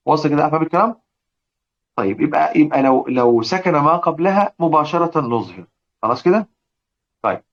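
A man with an Egyptian accent gives a lesson on recitation rules in a fairly high voice. He keeps asking his listeners whether they follow and demonstrates each word aloud. The recording sounds somewhat dull and lo-fi. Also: animated, quick pace, long pauses. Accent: Egyptian Arabic. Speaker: Quran recitation teacher.

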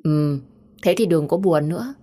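A loyal young woman, voiced by a woman narrator consoles her friend in a low, coaxing voice. She speaks gently and keeps urging her to open up. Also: normal speed. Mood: comforting. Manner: warm, coaxing.

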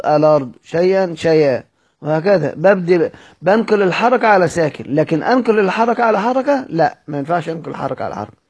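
A man's voice: fairly high pitch, darkish tone. A man with an Egyptian accent teaching Quran recitation. He reads a classical text aloud, then explains it in colloquial speech and keeps asking questions. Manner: slowly spells out word examples.

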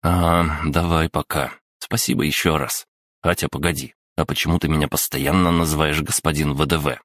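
An earnest, impulsive teenage boy, voiced in a deep male narrator's own register. His very low voice comes through close and dry. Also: fairly even intonation, normal speed, fairly bright tone, dry recording. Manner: earnest, exclamatory. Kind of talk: audiobook reading.

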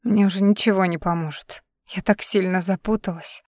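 A drunk, tearful young woman singer with slurred, wavering words, put on by a woman reading a story. The voice sits at a middle pitch and is heard close and dry. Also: fairly even intonation, moderate pace, darkish tone, no room sound, natural voice. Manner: slurred, wavering, swallowing letters.

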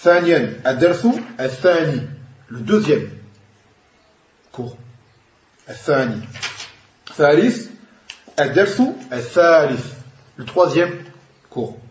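A man teaching a grammar class in a fairly high voice, patiently breaking down each rule and switching between two languages as he goes. The sound is echoey and a bit dull, like a lo-fi recording in a bare room. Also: animated, takes it slowly, pauses often, slight background noise. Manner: explains patiently, switching between French and Arabic terms. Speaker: Arabic teacher.

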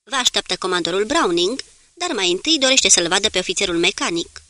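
A courteous, world-weary male naval commodore in an audiobook, read by a woman. He speaks formally and politely. The voice is bright and the recording is dry and close. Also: mid-range voice, lively intonation, dry recording.

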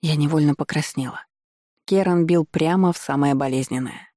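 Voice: mid-range voice, moderate pace, mellow, dry recording, clean studio sound. Чтец ровно читает любовное фэнтези от первого лица.

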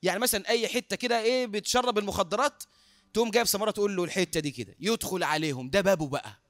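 A man with an Egyptian accent preaching through a lively story, acting out the dialogue and laughing often. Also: high-pitched, rapid-fire, dry recording, clean studio sound. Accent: Egyptian Arabic. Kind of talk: sermon storytelling.

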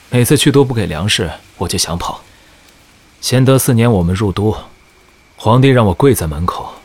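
An actor playing a tired, frank border general in an audio drama, speaking low and plainly. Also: male voice, husky.

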